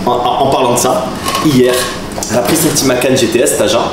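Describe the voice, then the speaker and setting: Speaking fast in a medium-pitched voice, a southern French man in his forties, who vlogs and teaches taekwondo, laughs often as he spins casual stories for the camera with lively asides. He's in a room with a camera crew, and the recording is roomy and noisy, the mic set at a distance.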